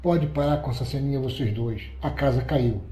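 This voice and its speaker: A man's voice: medium pitch, moderate pace, dark tone, natural voice. A man voicing a blunt, domineering young man who talks in a commanding, coarse way, in an echoey audio story. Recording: roomy echoey recording.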